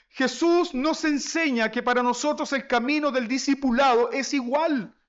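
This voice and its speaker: A man's voice: very high-pitched, fairly bright tone, dull audio. A Chilean man preaching a sermon as pastor, pressing the congregation with repeated rhetorical questions.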